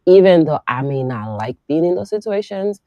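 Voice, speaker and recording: A woman hosting a casual conversation, reflective and lively, laughing often. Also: low-pitched, moderate pace, dry recording. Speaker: podcast host and coach.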